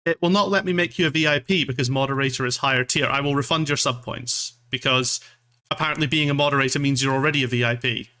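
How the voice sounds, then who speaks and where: Male VTuber from Scotland, bright voice, mid pitch, loose rambling livestream chat, self-deprecating, sweary. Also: quick pace. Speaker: streamer, VTuber.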